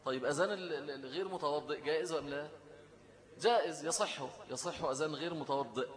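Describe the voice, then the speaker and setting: A man's voice: fairly high pitch, fast talker, long reverb tail. A man with an Egyptian accent teaching a lesson on Islamic law, who keeps asking his listeners questions and then answers them himself. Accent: Egyptian Arabic. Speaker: religious teacher.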